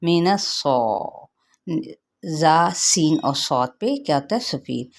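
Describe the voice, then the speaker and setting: A woman's voice: low voice, sing-song, moderate pace. A middle-aged woman teaching Quran recitation rules, explaining patiently and asking her students questions as she goes.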